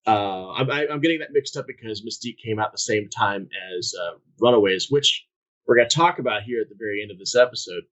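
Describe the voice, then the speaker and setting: Male co-host, lowish bright voice, blunt and rambling, casual chat. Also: fast, lo-fi sound. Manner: candid, swears casually, meandering with fillers. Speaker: podcast co-host. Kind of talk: casual chat about comics.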